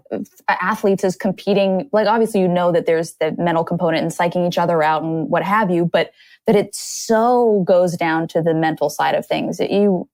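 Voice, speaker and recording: A woman's voice: fairly low pitch, a little mellow, no room sound. A woman hosting a podcast, chatty and musing, who laughs easily as she talks with her guest. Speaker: podcast host. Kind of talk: casual interview conversation.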